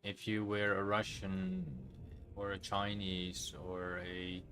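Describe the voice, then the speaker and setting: A streamer from the Netherlands chats casually during a game stream, his Dutch-accented voice slow and a little low over faint game music. Relaxed and rambling, he drifts between thoughts and corrects himself mid-sentence.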